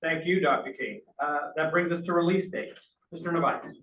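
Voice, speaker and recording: A man's voice: on the high side, normal speed, fairly bright tone. A man acting as board chairman, speaking formally and courteously as he runs meeting procedure. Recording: distant, roomy, dull, faint noise.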